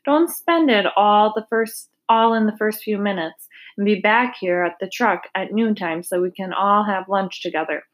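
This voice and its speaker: A woman voicing a calm, easygoing farm father in a children's storybook. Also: mid-range voice, moderate pace, close to an everyday voice. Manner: calm, reasonable.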